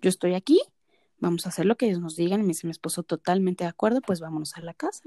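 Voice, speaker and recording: A podcast co-host in her thirties talks fast in a fairly low, mellow voice, casually telling her story and acting out quoted dialogue with animation. The recording is dry and studio quality.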